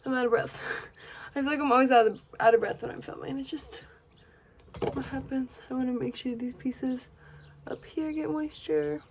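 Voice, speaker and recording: Young woman, sleepy, rambling casual chat, slightly high voice, faint background hiss. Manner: rambling, chatty, drifts into soft murmurs. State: sleepy, yawning. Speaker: beauty vlogger. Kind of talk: casual get-ready-with-me chat.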